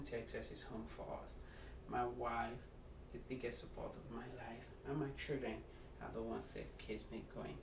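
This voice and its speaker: Middle-aged Nigerian man, student self-intro, earnest and deliberate, mid-pitched voice picked up from across a room with background hum. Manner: earnest, deliberate, in short phrases. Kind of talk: prepared self-introduction speech. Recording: echoey room, distant mic, background noise.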